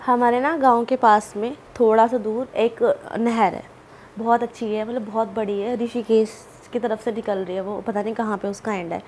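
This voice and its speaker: A woman telling a personal story as a podcast guest, chatty and animated, full of asides and fillers. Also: on the high side, moderate pace, a little hiss or hum. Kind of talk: casual storytelling.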